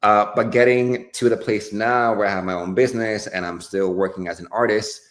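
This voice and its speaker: A young adult man from the Dominican Republic, a life and business coach, talking earnestly and upbeat with fillers and soft laughs in an interview. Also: lowish voice, fairly even intonation, moderate pace. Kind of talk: casual interview conversation.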